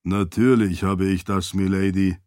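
A man's voice: low-pitched, level tone, a little slow, darkish tone, no room sound, clean studio sound. A man voicing a loyal, polite spirit servant who speaks formally in an audiobook. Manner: formal, courteous.

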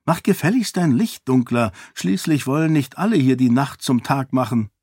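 A man's voice: medium pitch, expressive, normal speed, a little mellow, husky, dry recording, clean studio sound. A man voicing a curious, spirited young noblewoman in an audiobook, talking eagerly and teasingly.

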